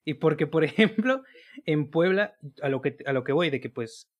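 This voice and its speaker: A young man from Tabasco with a light Tabasco accent, trading stories in a casual chat. His voice sits a little high for a man. His talk is loose and slangy, sprinkled with swearing, and he laughs often. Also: expressive, normal speed. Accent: Tabasco Spanish. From Tabasco, Mexico. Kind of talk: casual chat among friends.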